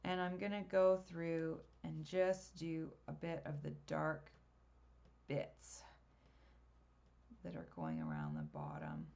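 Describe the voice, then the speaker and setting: A woman giving a live colored pencil drawing tutorial over a webcam, chatty and quick to laugh at herself. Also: low voice, expressive, gravelly, darkish tone, lo-fi sound. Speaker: art teacher.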